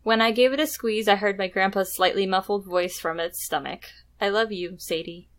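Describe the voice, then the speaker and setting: A woman co-hosting a podcast, reading a story aloud in a steady storytelling way between casual chat. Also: medium pitch, a little fast. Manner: steady storytelling read with light laughs. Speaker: podcast co-host.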